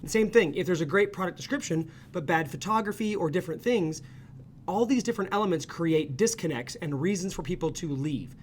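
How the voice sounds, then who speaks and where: A man walking viewers through a screen-share tutorial as an ecommerce consultant, energetic and chatty, checking in with "okay?" and "right?" after each point. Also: sits high, brisk, a little hiss or hum.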